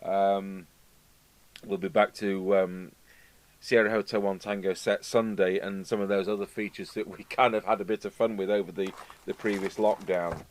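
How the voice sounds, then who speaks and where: Talking to camera at normal speed in a low-pitched voice, a UK video host who repairs radios demonstrates his work. His unscripted chat rambles along with casual asides, and a steady hum and background noise sit under the recording.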